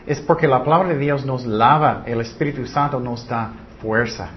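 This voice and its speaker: An earnest man teaching a Bible study, lifting his voice to stress points. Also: normal speed. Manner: earnest, rises in pitch when stressing points. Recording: slightly dull recording with faint noise.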